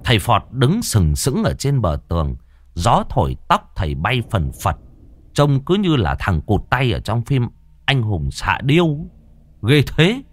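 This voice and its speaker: A man's voice: mid-range voice, huge pitch swings, a little slow, dry recording. A man narrating a horror story vividly.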